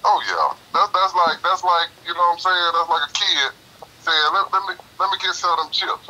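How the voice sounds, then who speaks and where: A man's voice: high voice, lively intonation, fairly quick, bright, forceful tone, poor audio. A man calling in over a speakerphone, chatting casually and in slang, often asking "you know what I'm saying". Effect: heard over a speakerphone. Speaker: caller. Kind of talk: casual call-in chat.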